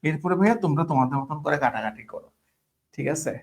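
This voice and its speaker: A man's voice: fairly high pitch, lively intonation, fast talker. A man tutoring math, talking casually, often checking if students understand and mixing in English words. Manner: mixes English words into speech. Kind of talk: online class teaching.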